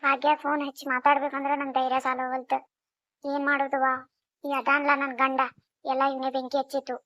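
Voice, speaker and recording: A woman voicing a defiant, sharp-tongued middle-aged village wife in a cartoon, with a North Karnataka Kannada accent. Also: high-pitched, completely flat delivery, brisk, no room sound. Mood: tearful. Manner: defiant, scolding. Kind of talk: cartoon voice acting. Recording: dull lo-fi recording.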